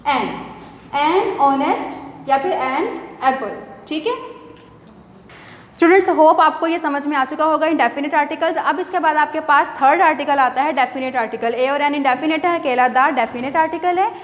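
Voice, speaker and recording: A woman teaching a grammar lesson to students, explaining step by step and asking them questions, then answering them herself. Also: high-pitched. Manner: reads example sentences slowly and deliberately. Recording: echoey hall with faint noise.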